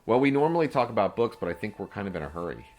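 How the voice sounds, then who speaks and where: A man's voice: fairly low pitch, very animated, racing, background noise. A man co-hosting a podcast in a casual, rambling chat, full of fillers and restarts. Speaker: podcast co-host and game master.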